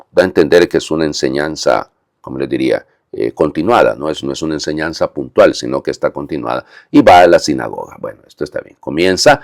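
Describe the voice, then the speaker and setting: Priest preaching a homily: low, expressive male voice, dry recording, explains step by step. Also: no echo. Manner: explanatory, with frequent tag questions.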